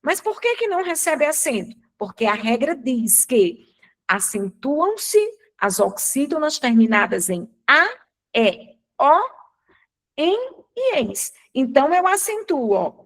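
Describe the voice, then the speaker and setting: A woman's voice: sits high, very animated, slow pace. A woman teacher from Brazil giving a live online grammar lesson, asking questions and answering them herself. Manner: didactic, asks and answers her own questions.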